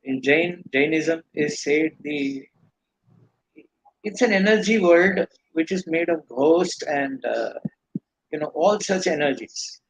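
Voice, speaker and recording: A man's voice: a little high, lively intonation, takes it slowly, husky, poor audio. A man with an Indian accent giving earnest, rambling spiritual teaching in a live question-and-answer session. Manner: earnest, rambling explanations with restarts.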